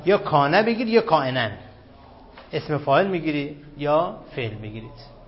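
A very animated grammar teacher with a fairly high voice fires questions at his class and slowly repeats important terms during his lecture. The sound is dull and lo-fi, with the ambience of a classroom.

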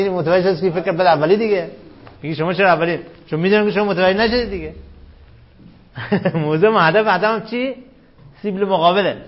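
A man teaching a grammar class, who keeps questioning his students and repeats the rules with emphasis. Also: high-pitched. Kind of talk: classroom lecture on Arabic grammar. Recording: dull lo-fi classroom recording.

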